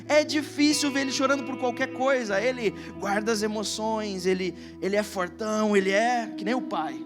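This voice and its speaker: High-voiced Brazilian pastor preaching over music. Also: male voice. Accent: Brazilian Portuguese. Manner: storytelling, slow emphatic Scripture reading. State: emotional. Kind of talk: sermon. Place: church stage.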